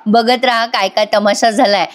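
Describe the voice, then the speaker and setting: A woman doing a chatty voice-over review of a TV serial episode. She talks directly to her viewers in a fairly high voice. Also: fairly even intonation, moderate pace.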